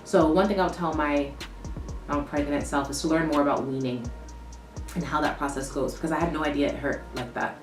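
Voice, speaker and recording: Young woman vlogger, low voice, chatty and loose; room echo, a little far from the mic, faint music behind. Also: fairly even intonation, a little fast. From born in the US, raised in London. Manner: chatty, lots of "like" fillers. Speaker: vlogger, new mother. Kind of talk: casual chat to camera.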